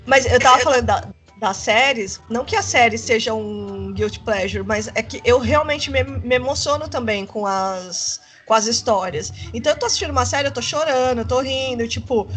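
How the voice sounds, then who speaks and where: A woman's voice: a little high, normal speed, few pauses, fairly bright tone, faint music behind. A woman in a casual chat, telling things with enthusiastic, chatty delivery.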